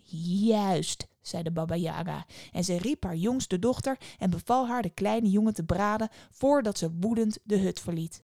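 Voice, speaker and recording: A woman reads a fairy tale aloud in a calm, even storytelling voice at a middling pitch. The recording is dry and close, with no room echo. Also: normal speed, few pauses. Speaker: podcast storyteller. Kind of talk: scripted fairy-tale narration.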